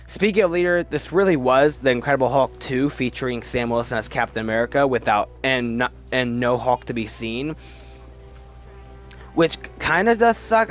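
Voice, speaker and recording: A medium-pitched man hosts a movie ranking video, offering casual, opinionated takes in an animated, rambling manner that halts and often repeats words. Music plays in the background.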